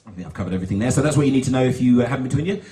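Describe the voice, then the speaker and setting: A man's voice: mid-range voice, expressive, very fast, warm tone. A man performing stand-up patter as a spoken-word poet, talking in an informal, rambling way. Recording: roomy echo, music behind.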